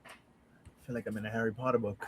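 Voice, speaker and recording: A man's voice: lowish voice, level tone, quick pace, noisy background. A man chatting casually on a podcast, hesitant and repeating words.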